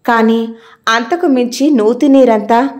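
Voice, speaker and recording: Woman reading as wise old husband, calm, measured, reflective, audiobook letter. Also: on the high side, lightly acted. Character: late husband, older man, calm and wise.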